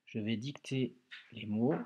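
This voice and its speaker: A man teaching, giving a dictation to young pupils, speaking slowly and stressing each dictated word clearly. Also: medium pitch, steady tone, a little mellow, dull audio.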